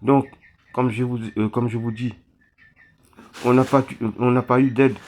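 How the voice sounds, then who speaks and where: Man pleading haltingly from Réunion. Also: medium pitch, level tone, a little mellow. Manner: halting, many restarts and fillers, pleading. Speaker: vlogger appealing for donations. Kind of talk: emotional appeal to camera.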